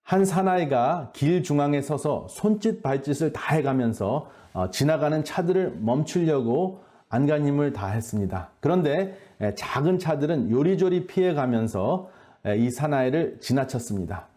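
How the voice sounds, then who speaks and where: A man giving an earnest, measured faith-based health lecture, often pausing on hesitation sounds. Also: fairly high pitch, lively intonation, mellow. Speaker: lecturer at a health boot camp.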